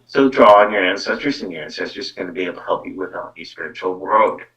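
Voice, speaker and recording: A psychic medium podcast host talks quickly in a low, slightly bright voice during a casual live card-reading stream online. He rambles and fills his sentences with "actually" and "though." A distant mic leaves the sound muffled.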